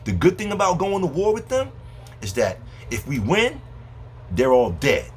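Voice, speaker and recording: A man's voice: fairly high pitch, huge pitch swings, normal speed, a little hiss or hum. A man delivering a heated, profane monologue to camera as a video host. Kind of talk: angry ranting monologue.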